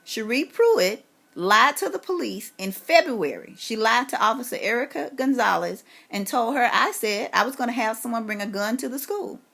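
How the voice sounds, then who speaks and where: An aggrieved mother on a phone call makes a long, insistent complaint, speaking emphatically. Her voice is medium-pitched and gravelly with a fairly bright tone.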